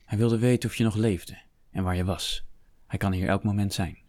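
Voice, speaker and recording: A man voicing a cowardly mine foreman in an audiobook, speaking in a hissing, nervous hush. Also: on the low side, fairly even intonation, moderate pace, no room sound, studio quality, close to an everyday voice. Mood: hushed fearful.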